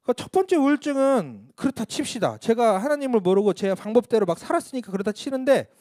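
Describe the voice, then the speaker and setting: A man's voice: very high-pitched, very animated, fast, a little mellow, no echo, clean studio sound. A male missionary preaching a candid testimony sermon at a church service, telling his story in a frank, self-mocking way.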